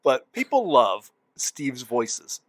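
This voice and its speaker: A man co-hosting a podcast in casual chat, animated and quick to laugh. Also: medium pitch, dry recording, clean studio sound. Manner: animated, laughs often, restarts sentences. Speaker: podcast co-host.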